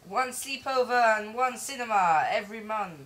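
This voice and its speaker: A prissy younger sibling played by a woman corrects and frets in a bright, tense voice. The delivery is pedantic and nervous. Faint noise sits behind the outdoor stage. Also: a little high, moderate pace, natural voice. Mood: prim.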